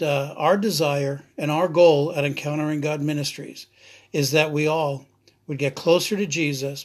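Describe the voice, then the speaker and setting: A middle-aged man hosting a devotional podcast, telling a story in a rambling way with many fillers and restarts and a dry, sarcastic humor. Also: on the high side. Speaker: podcast host, ministry teacher. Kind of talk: informal devotional podcast talk.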